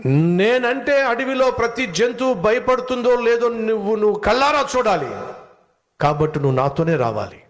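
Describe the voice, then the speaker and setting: A man voicing a cunning, boastful male fox in a spoken story, with a shrill, bossy manner. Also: animated, normal speed.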